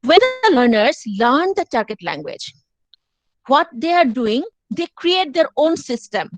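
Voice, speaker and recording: A woman's voice: sits high, animated, drawn-out words, dry recording. A woman lecturer, explaining step by step in a class and mixing in English phrases. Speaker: university lecturer.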